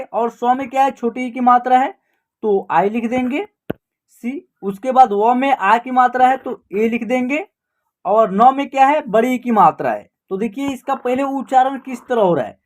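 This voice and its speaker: A woman with a fairly high voice teaching an online class. She goes through words slowly and patiently, asks a question and answers it herself, and repeats each word to drill it. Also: a little mellow.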